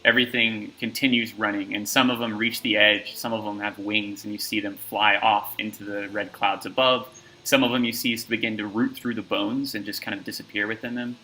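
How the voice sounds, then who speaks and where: A man's voice: fairly low pitch, little pitch movement, fairly quick, sharp tone, a little hiss or hum, low-quality recording. A man narrating a tabletop game as game master, talking loosely with lots of fillers and restarts.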